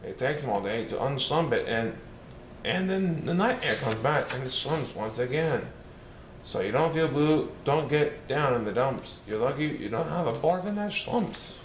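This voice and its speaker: A man's voice: medium pitch, animated, moderate pace, close to an everyday voice. A man voicing a playful, mischievous male cartoon cat, reading a rhyming storybook in a sing-song, bouncy way. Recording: roomy echo, faint hiss.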